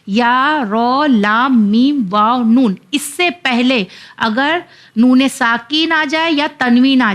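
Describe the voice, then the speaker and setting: Woman, Quran reading teacher, high voice, unhurried sounding-out drills alternating with quick explanations. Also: a bit bright. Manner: spells letters and vowels out slowly, then explains rapidly. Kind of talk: slow syllable-by-syllable spelling drills between fast explanations.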